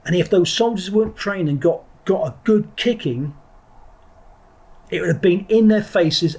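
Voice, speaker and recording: The voice sits high with a darkish tone, captured on a rough recording. It belongs to a middle-aged English ex-Marine trainer telling his story as a podcast guest in reflective interview talk. He's blunt, goes off on tangents, restarts his sentences a lot, and swears occasionally.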